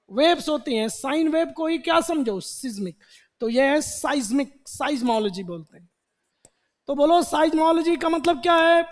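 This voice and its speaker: Guy teaching a class, pretty high voice, slow and deliberate, keeps quizzing the room, long echo like a big hall. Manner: quizzes students with repeated questions. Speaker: English teacher. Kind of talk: classroom vocabulary lecture.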